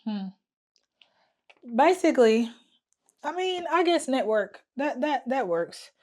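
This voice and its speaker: A woman's voice: high-pitched, sing-song, slow pace, darkish tone. A woman vlogging casually as she plans her travel business marketing, thinking aloud with lots of fillers and restarts. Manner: hums to herself while working at the wall. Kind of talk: casual talking-to-camera planning vlog.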